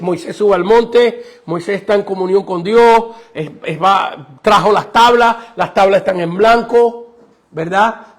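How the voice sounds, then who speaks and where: A male pastor preaching a sermon, emphatic and firing rhetorical questions at the congregation. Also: high voice.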